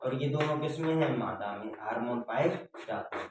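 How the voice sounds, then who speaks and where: A man's voice: medium pitch, normal speed, background noise. A man teaching a biology lesson, repeating points and checking in with "theek hai?" and calling students "beta". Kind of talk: classroom-style lecture. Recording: very echoey room, mic far off.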